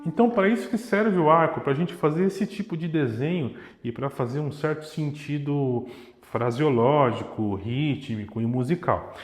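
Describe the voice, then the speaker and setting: Young violin teacher, slightly high voice, demonstrative, reverberant room. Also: male voice, normal speed. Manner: demonstrative, sings and vocalizes rhythms to illustrate. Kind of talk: explanatory music lesson. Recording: echoey room with long reverb. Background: violin playing.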